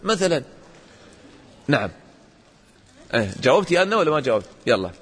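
A man teaching a religious lesson to children, questioning the class and acting out examples in an animated way. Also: on the high side, quick pace, slightly rough, big-room sound.

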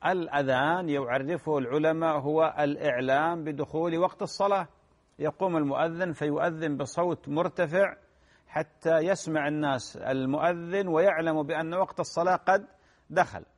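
Measured Arabic-speaking scholar answering questions. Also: male voice, fairly high pitch. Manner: measured, repeats key phrases, clears throat. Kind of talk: religious Q&A lecture.

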